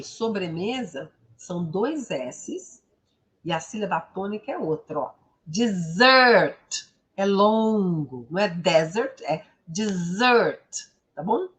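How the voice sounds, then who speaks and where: A woman teacher from Brazil with Portuguese as her first language, walking learners through English words on a menu. Her voice swings lively up and down, and she takes her time, saying each word twice so it sinks in. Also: medium pitch. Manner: repeats words slowly for pronunciation, asks tag questions. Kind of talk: didactic explanation of pronunciation.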